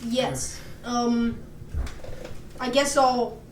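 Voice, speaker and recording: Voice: mid-range voice, fairly even intonation, drawn-out words, slight background noise. A player voicing a bewildered traveler who asks confused questions, recorded far from the mic in an echoey room.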